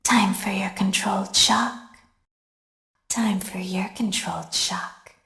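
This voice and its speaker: A woman voicing a cold, sadistic animatronic in a video game, giving breathy, drawn-out threats with an echo. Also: medium pitch, fairly even intonation, pushed and bright, exaggerated voice. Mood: coldly menacing. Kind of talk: video game character voice lines.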